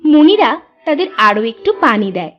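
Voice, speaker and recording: A woman narrating a cartoon storybook in an even, scripted way. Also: high voice, moderate pace, lo-fi sound.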